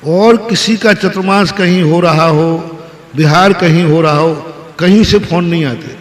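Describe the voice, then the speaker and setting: A Jain monk giving a sermon, telling stories and acting out the voices of the people in them. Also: male voice, high voice, measured pace. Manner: storytelling, acts out dialogue voices. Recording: echoey hall with long reverb.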